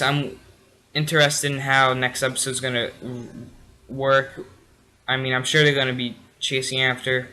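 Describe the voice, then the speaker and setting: A man's voice: mid-range voice, bright, forceful tone, rough recording. A tired young man casually reviewing a TV episode late at night, rambling with many fillers and restarts. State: tired, yawning.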